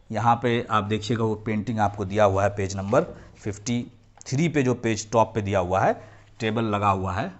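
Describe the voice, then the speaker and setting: A fairly low-pitched man lectures kids on history in a classroom setting. He breaks down every term, goes back over the key points, and regularly drops into English.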